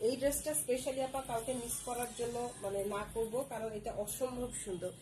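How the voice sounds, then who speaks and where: A woman's voice: fairly high pitch, a little fast, noisy background. A woman hosting a live clothing sale stream, using repetitive, persuasive sales patter.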